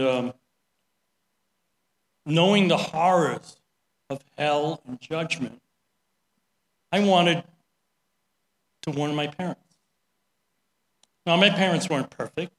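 A middle-aged man giving a sermon, telling a story in a chatty way with many "right?" asides. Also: fairly high pitch. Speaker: preacher. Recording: roomy echo.

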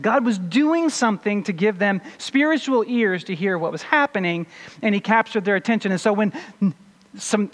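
A male pastor preaching a sermon in a church, explaining scripture by asking rhetorical questions and answering them himself. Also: high voice. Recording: long reverb of a large hall.

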